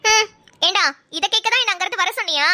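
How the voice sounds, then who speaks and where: A woman's voice: extremely high pitch, sharp tone, exaggerated voice. A woman voicing a teasing, playful young woman. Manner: quick, teasing banter.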